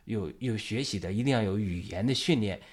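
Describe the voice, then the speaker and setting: A man's voice: on the low side, a little fast, husky. A man hosting a casual church discussion, talking in long rambling stretches full of fillers and restarts. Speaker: host of a church talk show.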